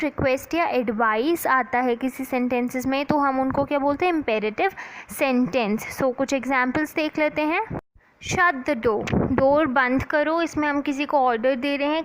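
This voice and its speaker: A woman teaching English grammar in a casual classroom manner, chatting in Hindi and reading English definitions slowly and deliberately. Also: high voice, slight background noise, low-quality recording.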